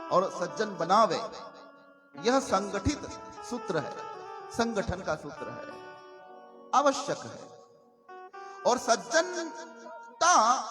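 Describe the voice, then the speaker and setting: A male religious preacher giving a devotional sermon, measured and emphatic, repeating his key phrases as he tells stories. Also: sits high, a bit bright. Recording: reverberant hall with faint music.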